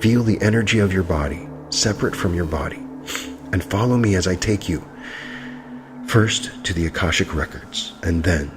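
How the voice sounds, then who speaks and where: Man, low pitch, guided meditation, soothing hypnotic delivery, prominent background music. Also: normal speed.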